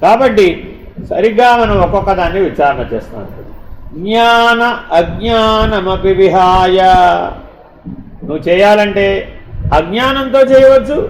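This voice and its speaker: Animated man giving a spiritual discourse. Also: sits high, a little slow, long pauses. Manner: rhetorical questions, animated swings between loud and hushed. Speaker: spiritual teacher. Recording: echoey room with faint ambient noise.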